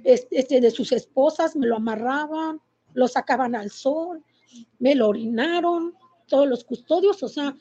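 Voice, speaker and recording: Middle-aged Mexican woman, interviewee, high mellow voice, halting emotional telling, muffled lo-fi sound. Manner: halting and emotional, with many fillers and restarts. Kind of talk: personal testimony. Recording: muffled lo-fi recording.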